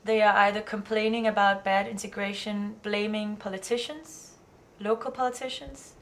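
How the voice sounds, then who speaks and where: A woman's voice: mid-range voice, flat delivery, normal speed, a bit bright, slight background noise. A woman filmmaker explaining her work in a reflective documentary interview.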